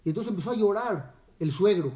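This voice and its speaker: A man's voice: high voice, expressive, a little fast, warm tone. A man, a rabbi teaching a Torah lesson, telling a story and asking his listeners questions. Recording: echoey room, distant mic.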